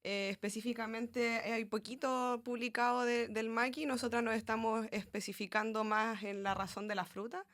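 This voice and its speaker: A young woman, a research assistant answering with halting hesitations. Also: on the high side, flat delivery, fairly bright tone. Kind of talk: conversational interview.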